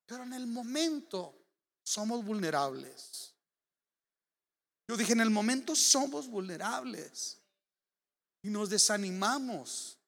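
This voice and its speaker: A man preaching a sermon, swinging between loud proclamation and hushed, low storytelling. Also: lively intonation, slow, creaky, pauses often. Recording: long hall reverb.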